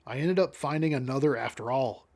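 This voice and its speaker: A man reading the lines of a calm, unsettling woman with secrets, in an even, unhurried delivery. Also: mid-range voice, close to an everyday voice.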